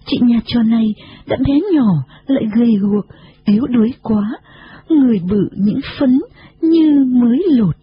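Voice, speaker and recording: A woman narrating a storybook in an expressive, dramatic manner. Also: a little high, unhurried. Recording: dull lo-fi recording.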